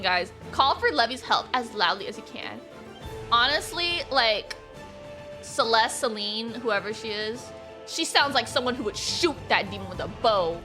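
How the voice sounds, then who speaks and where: A young woman streaming a game, reading the story text aloud and chatting between lines in a bubbly way. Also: on the high side. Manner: bubbly and chatty, laughing often. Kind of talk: live-stream playthrough, reading visual novel text aloud.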